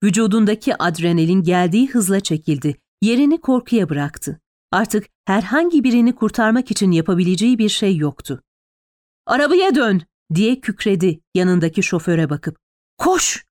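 In a clean, dry studio recording, a woman narrates a tense, dramatic audiobook. Her mid-range voice has a darkish tone and lively intonation, and she moves along fairly quickly.

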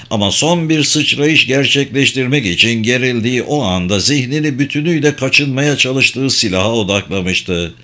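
A man reading a novel aloud as narrator in a measured, even manner. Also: mid-range voice. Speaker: audiobook narrator. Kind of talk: scripted narration.

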